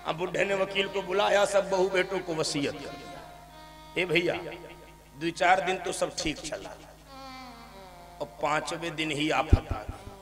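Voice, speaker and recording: A high-pitched man tells a devotional tale in a large echoing hall instruments playing behind him. He is animated and laughs often as he slips into the voices of the people in his story. The long reverb of the space hangs on each line. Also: measured pace, pauses often. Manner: lively, acts out old couple and family with voices, laughing. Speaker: religious storyteller. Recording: echoey hall with music behind.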